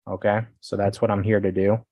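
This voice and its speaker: The host of a business coaching livestream rambles casually and keeps checking in with listeners, often ending sentences with "okay" and "guys." His voice is fairly low, warm and fairly quick, with little pitch movement and no room sound.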